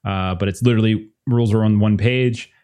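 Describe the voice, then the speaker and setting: A man's voice: lowish voice, steady tone, brisk, warm tone. A man narrating as game master, easygoing and rambling, with many fillers and restarts.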